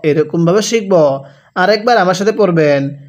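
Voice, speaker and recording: A man teaching Quran reading with a Bangladeshi Bengali accent, spelling out each syllable slowly, then asking how to read it and repeating it. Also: high voice, a little mellow. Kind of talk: slow spelled-out recitation lesson.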